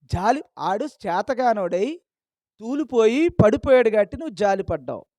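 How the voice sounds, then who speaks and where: A man's voice: high voice, lively intonation, moderate pace, darkish tone, no echo, clean studio sound. A man preaching a sermon, scolding his listeners with a stream of rhetorical questions.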